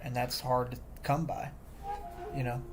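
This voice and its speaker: A man's voice: medium pitch, level tone, measured pace, a loud crowd. A man talking on a livestream, boastful and defensive, repeating himself as he rambles. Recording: loud music behind the voice.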